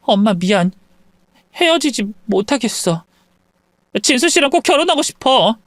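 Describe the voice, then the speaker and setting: A man's voice: very high voice, very animated, normal speed, a bit bright, dry recording, pitched above the performer's own voice, exaggerated voice. A man voicing a tearful young woman pleading with her mother and future in-laws. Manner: pleading, whiny, rising.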